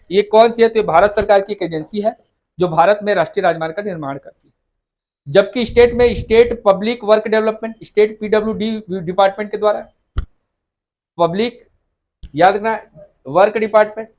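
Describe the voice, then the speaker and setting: Man, high voice, coaching teacher, classroom lecture, repeats facts to drill them, teasing, mixes in English terms. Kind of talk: classroom lecture for exam prep. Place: classroom with students.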